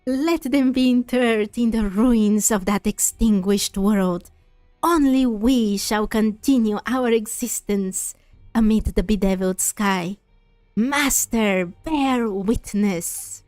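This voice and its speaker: Woman putting on a slow, unhinged zealot villain. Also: mid-range voice, darkish tone, dry recording, faint music behind, lightly acted. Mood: solemn, menacing. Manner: menacing, grandiose, drawn-out delivery. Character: unhinged zealous villain servant of a dark master. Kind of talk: video game dialogue read aloud.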